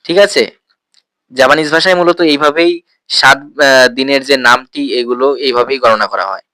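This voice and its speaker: A male teacher explains patiently and says key words slowly and more than once, asking his listeners questions as he goes. His voice is smooth and clear, mid-pitched, and recorded close and dry. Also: pushed and bright, no room sound. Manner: patient, repeats terms slowly and asks rhetorical questions. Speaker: language teacher. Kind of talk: explanatory language lesson.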